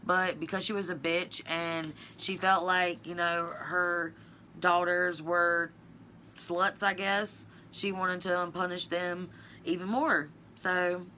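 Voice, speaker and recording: Slow, bright-voiced woman telling a story. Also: lowish voice, slight background noise. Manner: chatty, filler-heavy, blunt with casual swearing. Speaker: video creator. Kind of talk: casual true-crime storytelling.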